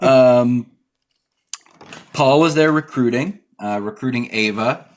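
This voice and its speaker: A man's voice: mid-range voice, slow, slight background noise. A man co-hosting a podcast, talking casually, laughing often and working through his notes. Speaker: podcast co-host.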